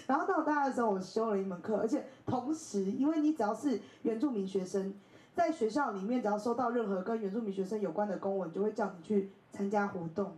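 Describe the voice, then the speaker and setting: A woman's voice: medium pitch, fast talker, roomy sound, rough recording. Woman, 30s, chatty storytelling talk at a bookstore, laughs a lot, voice bounces around the room. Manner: animated, laughs often, acts out quoted voices. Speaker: invited speaker. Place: bookstore event space.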